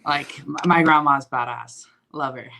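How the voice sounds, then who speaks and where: A young Swedish woman, a guest bodybuilder, speaks with a light Swedish accent in a very low, gravelly voice that sounds pushed and bright, at a slightly slow pace with a little hiss or hum. She chats loosely in a casual interview, telling stories packed with fillers.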